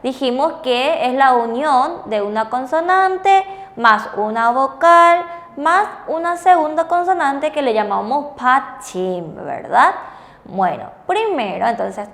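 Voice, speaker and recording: Woman teaching a lesson, high voice, keeps asking if you got it. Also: lively intonation, a little slow, creaky, fairly bright tone, big-room sound. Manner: patient, checks understanding with frequent rhetorical questions. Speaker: Korean language teacher. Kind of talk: bilingual classroom lesson on TV.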